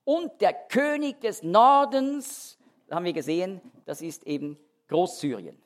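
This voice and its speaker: Speaking in an unhurried, animated, high-pitched voice, a man preaches an expository sermon. As a Bible teacher, he goes verse by verse, stressing his explanations and repeatedly beginning sentences again.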